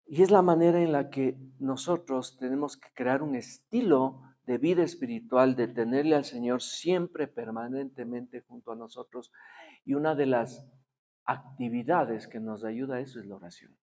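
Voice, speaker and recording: A man's voice: mid-range voice, normal speed, dark tone. A man preaching a sermon in a conversational tone, often asking his listeners to agree and acting out the voices in his stories. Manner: acts out quoted voices in his story. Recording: dull lo-fi recording.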